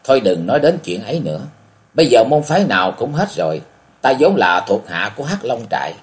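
A man's voice: mid-range voice, sing-song, brisk, lightly acted. A man reading an audiobook, voicing a frightened village woman in her forties who pleads and speaks with fear. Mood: wary. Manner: fearful, pleading.

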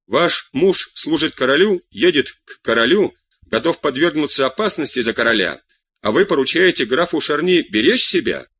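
Man voicing a sharp ironic queen, dry tone, animated pitch, close dry sound. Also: normal speed, husky, no room sound, heavily acted. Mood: imperious.

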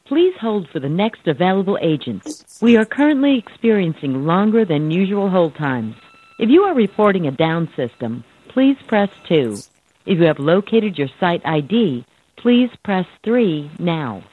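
A woman's voice: lowish voice, sing-song, normal speed, husky. A woman's recorded phone message, reading polite, scripted prompts for a phone menu. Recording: tinny phone line, dry.

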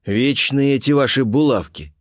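An impatient, eager nineteenth-century officer, as voiced by a male reader, firing off short exclamations. His voice is mid-pitched and lively, rising and falling a lot. The sound is close and dry. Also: normal speed, dry recording, close to an everyday voice.

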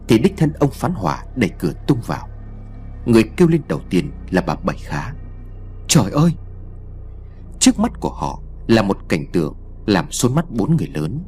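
A man narrating an audio story with a dramatic, animated reading. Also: lowish voice.

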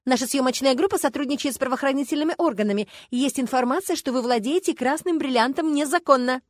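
Woman putting on a loud pushy older lady from a storybook, squeaky high and yelling, dry close sound. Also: fast, no echo. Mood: shouting, excited. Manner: shrill shouting. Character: brash pushy middle-aged woman, loud and excitable.

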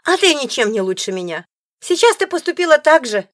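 A woman voicing a rude, bossy young wife who yells in a loud, shrill voice, in an audiobook. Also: very animated, extremely slow, breathy edge, no room sound, studio quality, exaggerated voice. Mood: shrieking, furious. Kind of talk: audiobook character voice.

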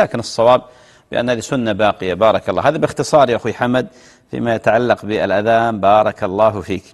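A man, a television sheikh answering viewers' religious questions with measured explanations and chanted example phrases. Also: medium pitch, in a large hall.

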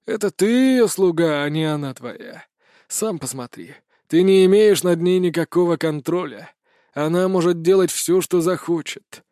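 A man voicing a cruel older male high councillor who sneers and rasps as he tells his story. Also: moderate pace, mellow, no room sound, studio quality, close to an everyday voice. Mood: sneering. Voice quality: rasping, scornful.

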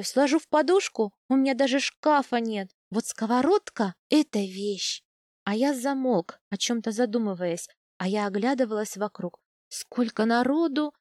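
Expressive woman reading a novel aloud. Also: fairly high pitch, no room sound, clean studio sound. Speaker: audiobook narrator. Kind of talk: first-person novel reading.

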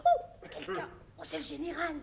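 A woman's voice: high-pitched, big pitch swings, moderate pace, gravelly, darkish tone, reverberant, big-room sound, heavily acted. Cheeky, cheerful young girl. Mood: wondering. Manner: chatty and slangy, wondering asides. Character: cheeky, cheerful young woman, plain-spoken. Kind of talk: 1950s radio operetta acting. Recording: 1953 concert broadcast, faint hiss.

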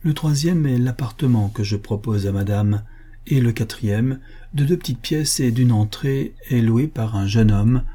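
A man's voice: mid-range voice, a little slow, dark tone, lightly acted. A man voicing a talkative male concierge who is deferential and emphatic, eager to reassure his listener. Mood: obliging.

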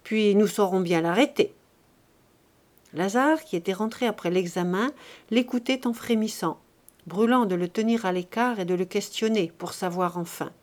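A woman narrating a classic novel in a measured, even storytelling manner. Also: medium pitch. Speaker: audiobook reader.

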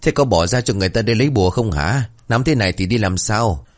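A man voicing a gruff, short-tempered old former village shaman who scolds and curses. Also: on the low side, expressive, quick pace, close to an everyday voice. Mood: angry.

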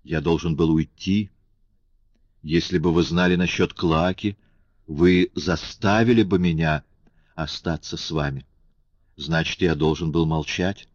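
A man reading an audiobook, voicing a weary, self-effacing old man in a subdued, quiet way. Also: deep voice, a little slow, no room sound. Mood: resigned. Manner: subdued, hushed. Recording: dull lo-fi audiobook recording.

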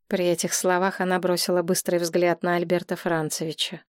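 A woman narrating a novel as an audiobook in an even, steady storytelling voice. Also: on the low side, a little fast, no room sound, clean studio sound.

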